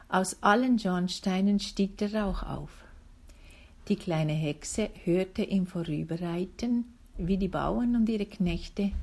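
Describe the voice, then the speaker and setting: A woman calmly reading a children's book aloud, slowly and deliberately. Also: on the low side, breathy edge. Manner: slow, calm, deliberate reading. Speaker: reader.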